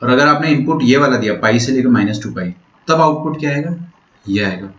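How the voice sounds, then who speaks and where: The maths lecturer's mid-range voice is a bit bright and fairly quick as he walks through the material step by step online. He checks often that students are following, and the sound is echoey, dull, and lo-fi.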